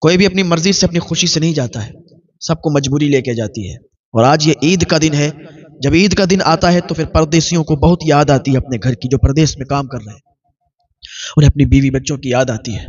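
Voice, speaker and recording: High-voiced male preacher telling a story. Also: darkish tone. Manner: earnest, repetitive storytelling. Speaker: Islamic preacher. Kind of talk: storytelling sermon. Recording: dull lo-fi recording.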